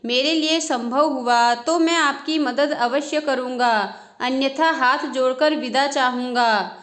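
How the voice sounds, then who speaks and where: A woman's voice: high voice, steady tone, unhurried, a bit bright. A woman voicing a polite, kind-hearted young male thief in a storybook reading. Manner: polite, reasoning.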